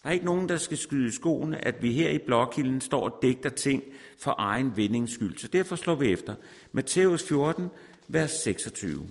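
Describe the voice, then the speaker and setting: A man's voice: medium pitch, expressive, vocal fry. A man preaching a sermon, repeating words for emphasis and reading scripture aloud. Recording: long reverb in a large hall.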